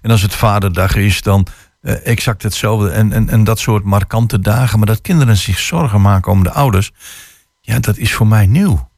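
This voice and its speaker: A man's voice: lowish voice, normal speed, gravelly, a little mellow, no room sound, clean studio sound. A male radio host, interviewing a guest in a hesitant way, often repeating words. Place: radio studio. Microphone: studio microphone.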